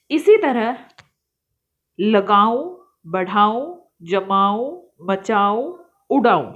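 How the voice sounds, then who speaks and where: A woman teacher going through a worksheet with young children, calling them beta and reading each word slowly and carefully. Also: on the high side, muffled recording.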